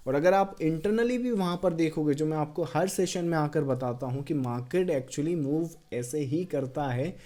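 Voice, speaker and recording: A man walks through a trading chart, mixing Hindi and English as he counts out the waves. His voice sits a little high but sounds warm and mellow. He gets blunt with the people who doubt his method. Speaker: trading educator. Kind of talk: chart walkthrough lesson.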